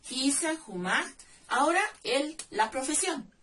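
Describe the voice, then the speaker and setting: A woman's voice: sits high, animated, slow pace, fairly bright tone. A woman teacher explaining grammar step by step, patiently spelling out suffixes and checking in with the listener. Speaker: language teacher. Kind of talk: slow, deliberate classroom explanation. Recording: distant mic with faint background noise.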